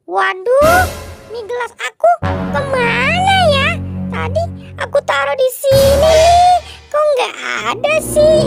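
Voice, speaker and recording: A weepy costumed folk giant complains in a shrill, very high voice, voiced by a performer. It whines at everything. Loud music runs beneath it in this clown skit. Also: gravelly, exaggerated voice. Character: tall costumed folk giant who weeps easily. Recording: loud music bed under voice.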